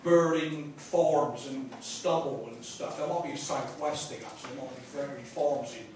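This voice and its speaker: The voice of this English stand-up sits at medium pitch with a somewhat dark tone as he meanders through a sweary routine, pausing and repeating himself mid-digression. He's playing to a live audience at a small pub comedy venue, caught on a distant, noisy, reverberant recording with laughter and room noise.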